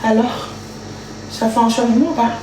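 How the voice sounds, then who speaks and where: A woman's voice: fairly high pitch, fairly even intonation, moderate pace, warm tone, distant mic. A woman chatting casually on a live stream from her home kitchen, playful and chatty, often singing to herself. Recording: echoey room with background noise.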